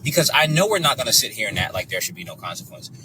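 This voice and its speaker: Animated man in his thirties, far from the mic. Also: on the low side, racing, heavy background noise. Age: 30s. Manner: animated, emphatic and profane, with many rhetorical questions. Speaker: social media creator reacting to a news story. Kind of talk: casual commentary clip. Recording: distant mic with clear background ambience and vehicle sounds.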